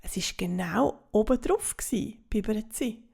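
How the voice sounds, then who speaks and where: Slow gravelly Swiss German storyteller woman. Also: mid-range voice, expressive. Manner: soft, half-whispered narration. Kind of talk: children's story reading.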